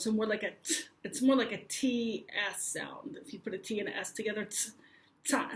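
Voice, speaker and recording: A woman's voice: medium pitch, slight background noise. An American woman in her forties casually telling a funny personal story to camera, chatty and laughing as she goes. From United States. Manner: chatty, laughs while telling, acts out dialogue.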